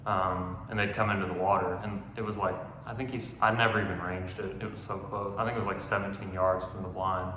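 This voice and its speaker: A man's voice: low-pitched, little pitch movement, fairly quick, few pauses, bright, forceful tone. A young man hosting a podcast, telling a hunting story in casual chat, rambling with many fillers. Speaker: podcast host. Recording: echoey room with long reverb, faint noise.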